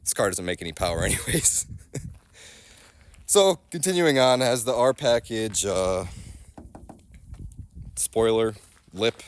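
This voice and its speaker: A man in his thirties, fighting a stuffy head cold, shows off his car on a phone camera in selfie view, outdoors on a gravel driveway and inside the small car. His lowish voice is smooth and expressive, unhurried with frequent pauses and no echo, as he loosely and self-deprecatingly runs through a casual walkaround vlog.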